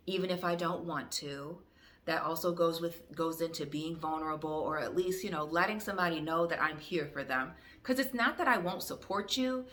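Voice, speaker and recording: A woman's voice: lowish voice, a bit bright. A young adult woman vlogger talking candidly to the camera, frank and direct, with fillers and restarts. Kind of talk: candid reflective talk to camera.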